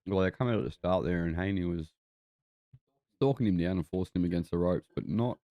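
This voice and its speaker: A boxing watch-along podcast host with a broad New Zealand accent gives casual, laid-back, sweary live fight commentary. His voice is low-pitched and mellow, a little fast, in a dry recording.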